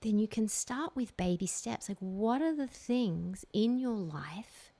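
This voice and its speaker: A woman hosting a reflective solo podcast, speaking slowly and emphatically and repeating key phrases. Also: medium pitch, animated, warm tone. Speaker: podcast host.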